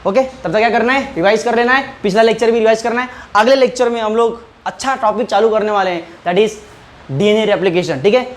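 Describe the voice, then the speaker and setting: A man's voice: sits high, brisk. A man teaching, quizzing and repeating. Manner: asks questions and answers them himself, repeating key terms; checks understanding often with rhetorical prompts. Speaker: biology teacher. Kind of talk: online class lecture.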